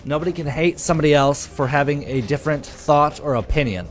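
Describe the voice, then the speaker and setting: A man's voice: fairly high pitch, brisk, soft background music. Profane, easygoing male live streamer. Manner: loose, profane, reads chat comments aloud. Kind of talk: casual live-stream chat with viewers.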